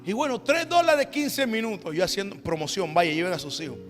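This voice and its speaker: A man, a pastor telling a story in a sermon and building to loud, emphatic calls. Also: sits high, big pitch swings, fairly quick. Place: church hall. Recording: reverberant church hall with soft music.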